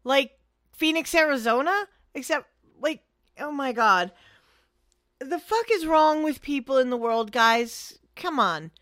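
A woman's voice: high-pitched, big pitch swings, slow, a bit bright, dry recording, studio quality. Blunt, profane woman telling driver stories. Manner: blunt, profane, exasperated storyteller. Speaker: co-host and rideshare driver. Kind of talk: casual storytelling chat.

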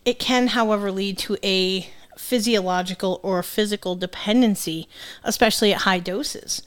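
A middle-aged woman from New England co-hosts a podcast, her New England accent carrying some Southern influence. Her medium-pitched voice has fairly even intonation and a moderate pace. She is blunt, sweary, and teasing in a casual chat that includes presented research.

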